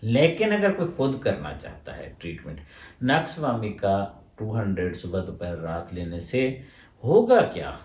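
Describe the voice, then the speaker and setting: A man's voice: fairly low pitch, wildly swooping pitch, measured pace, darkish tone, far from the mic. A man, a homeopathic doctor answering questions and explaining his points in order. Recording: roomy echo, voice from away from the mic.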